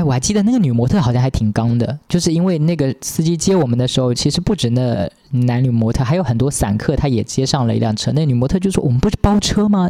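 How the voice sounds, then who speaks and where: A man telling a story as a podcast host in a casual monologue, exasperated and animated as he retells it. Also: medium pitch.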